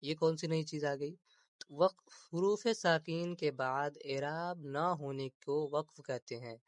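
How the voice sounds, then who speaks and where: A man's voice: a little high, fairly even intonation, no room sound. A man teaching an Urdu grammar lesson, repeating terms and asking rhetorical questions as he explains, with English words mixed in.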